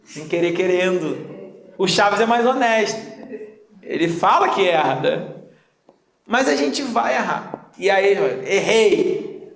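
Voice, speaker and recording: A man's voice: high voice, animated, takes it slowly, vocal fry, pauses often, fairly bright tone. A man preaching a sermon as pastor, joking and acting out little dialogues. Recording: echoey room.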